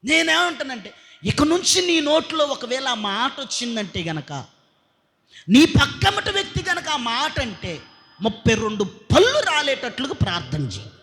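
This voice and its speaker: Man, pastor, sermon, high bright voice, swings wildly in pitch. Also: big pitch swings, normal speed. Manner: shouting, questioning the congregation directly. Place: church service.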